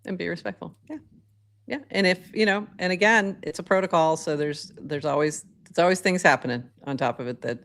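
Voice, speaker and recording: A woman's voice: lowish voice, fairly quick, fairly bright tone. A woman co-hosting a casual podcast chat, chatty with frequent fillers and laughs. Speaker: co-host.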